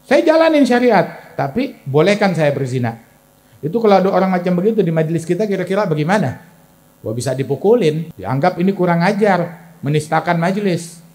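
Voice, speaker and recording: High-voiced male preacher telling a story. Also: darkish tone. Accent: Indonesian. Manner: acts out dialogue in his sermon, rising sharply for indignant quotes. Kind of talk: sermon storytelling.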